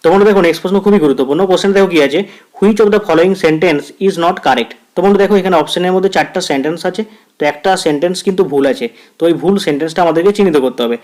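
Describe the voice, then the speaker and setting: Man with a Bengali accent and a slightly high voice, teaching exam grammar, friendly, repetitive, slow careful reading of English sentences. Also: darkish tone. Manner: addresses viewers as friend, repeats phrases; reads English quiz sentences slowly, word by word. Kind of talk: exam-prep grammar lesson.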